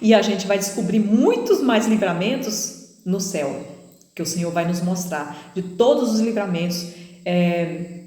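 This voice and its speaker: A Brazilian woman preacher giving an emotional spoken testimony, retelling it in an animated way with many fillers. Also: mid-range voice, unhurried. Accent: Brazilian Portuguese. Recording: echoey room with long reverb.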